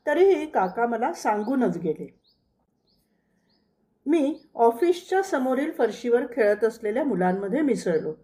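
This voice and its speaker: A woman narrating a first-person memoir as a scripted audiobook reading, in a measured storytelling manner that touches quoted lines only lightly. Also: fairly high pitch, a little mellow.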